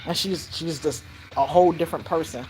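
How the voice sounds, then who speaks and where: Older woman, casual storytelling, animated, low-pitched, slight background hum. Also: a little fast. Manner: animated, acts out the child's and her own shouts in high squeals. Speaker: grandmother raising her granddaughter.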